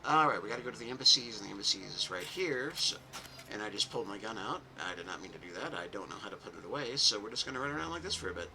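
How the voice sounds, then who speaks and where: A man's voice: fairly low pitch, animated, racing, gravelly, background noise. A young man streaming a game, commenting in a rambling, self-mocking, casual way. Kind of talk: gameplay commentary.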